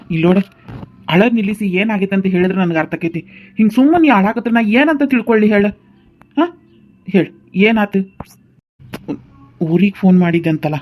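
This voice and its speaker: A woman's voice: mid-range voice, darkish tone, a little hiss or hum, lightly acted. Woman voicing a patient young cartoon husband. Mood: coaxing. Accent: North Karnataka Kannada. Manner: coaxing, reassuring, chatty. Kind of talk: cartoon voice acting.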